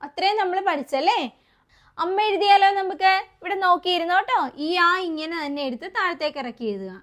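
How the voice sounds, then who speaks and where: Woman with a high voice and a light lilt, teaching small children their letters. Coaxing and patient, she asks questions and repeats each sound. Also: expressive, a little fast, fairly bright tone. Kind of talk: kids' alphabet lesson.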